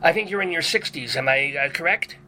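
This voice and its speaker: An excitable older rabbi hosts a radio chat, put on by a man. His voice sits high and rings bright and brassy, and he gushes along, dropping Yiddish words as he goes. This is a comic radio character. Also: fairly quick. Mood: chatty. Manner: effusive, sprinkles in Yiddish words. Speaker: host.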